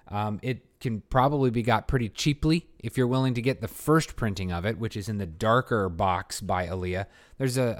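A man co-hosting a casual board game podcast, joking and rambling with quick asides. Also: fairly low pitch. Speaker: podcast co-host.

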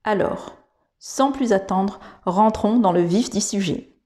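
A woman's voice: medium pitch, slow pace, mellow. A woman hosting a podcast lesson, speaking thoughtfully with frequent fillers and restarts. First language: French. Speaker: English teacher and podcast host.

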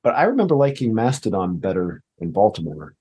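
A man's voice: on the low side, sing-song, brisk, dark tone, slight background noise. A middle-aged man co-hosting a podcast in casual chat, blunt and sarcastic. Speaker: podcast co-host.

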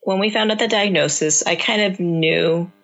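In an interview, a mother whose first language is Cantonese talks earnestly and thoughtfully about bringing up her young child, with many restarts. Her fairly low, somewhat bright voice moves at normal speed, and the highs in the audio are cut off.

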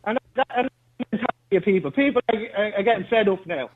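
Male caller, high voice, rapid and defiant, heard over a buzzy phone line that keeps cutting out. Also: animated, a little hiss or hum. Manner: defiant, argumentative, talks over the host. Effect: buzzy phone line that keeps breaking up. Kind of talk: radio phone-in call. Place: on a building site. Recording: tinny glitchy phone line.

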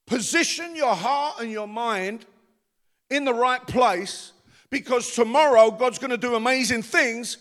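A very high-pitched, bright, forceful voice belongs to an East End Londoner with a Cockney accent, a pastor delivering a stirring sermon. He urges the congregation to answer back, his words echoing with long church reverb.

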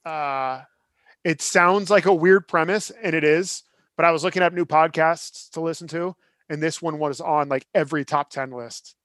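Casual male podcast co-host, slightly high, eager, stumbles into restarts, dry close sound. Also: moderate pace, a bit bright, dry recording. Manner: enthusiastic, restarts sentences often. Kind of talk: casual chat.

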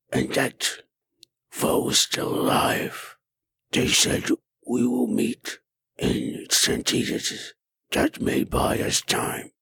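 A man voicing a guarded male adventurer in a raspy, breathy half-whisper, slow and hushed. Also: medium pitch, dry recording, heavily acted.

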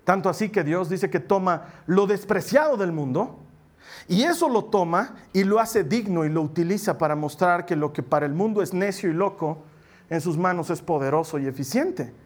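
High-voiced preacher, playful and conversational. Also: male voice, expressive. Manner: humorous, storytelling, slows for emphasis. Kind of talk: conversational sermon.

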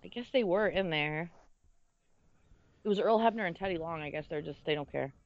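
A woman's voice: on the low side, fairly quick, a crowd in the background. A woman co-hosting a podcast, chatting casually and asking wry questions while watching wrestling. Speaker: podcast co-host. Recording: dull lo-fi podcast audio.

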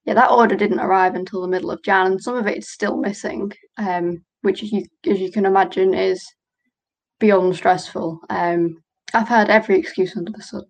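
A woman's voice: mid-range voice, steady tone, normal speed, rough recording. Woman, interview guest, candid and earnest, conversational storytelling. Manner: earnest, candid, reenacts quotes. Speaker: guest, small business owner.

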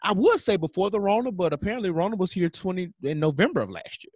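A man's voice: high-pitched, very animated, fast, a little mellow, husky, no room sound. A man, telling stories casually as a podcast co-host and animatedly acting out dialogue.

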